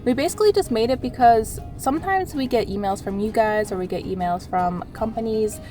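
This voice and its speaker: Her voice sits a little high, with a dark tone, and she speaks fairly quickly. A young woman with a cold-stuffed nose, she vlogs casually in a bubbly, playful way, often laughing. Music plays behind the roomy-sounding recording as she goes from the living room to the post office.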